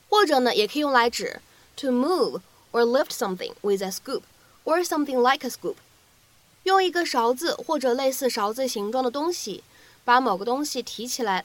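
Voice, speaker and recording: High-voiced woman teaching pronunciation. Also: fairly bright tone, dry recording, poor audio. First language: Chinese. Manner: measured, slowly repeats English phrases for practice. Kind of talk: explanatory lesson narration.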